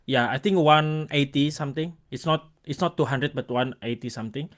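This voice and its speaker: A man from Indonesia with an Indonesian accent, hosting a casual interview, speaking in halting bursts full of restarts and fillers. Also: a little high. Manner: halting, restarts words, many likes and fillers. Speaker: host and photographer.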